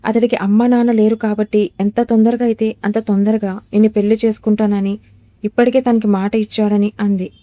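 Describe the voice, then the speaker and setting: A frightened young bride pleads in a trembling voice, as a woman voices her. Her tone is warm and mellow, heard up close with a dry sound and no room echo. It plays as an audio storybook drama. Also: medium pitch, flat delivery, a little fast, natural voice. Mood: pleading.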